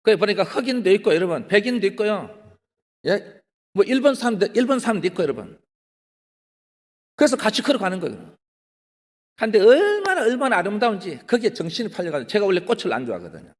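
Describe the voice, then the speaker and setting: Animated Gyeongsang pastor in a reverberant hall. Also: male voice, high voice, fast, pauses often. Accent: Gyeongsang Korean. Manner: animated, often addresses the congregation, acts out his own excited pleading. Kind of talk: testimony sermon. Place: prayer retreat hall.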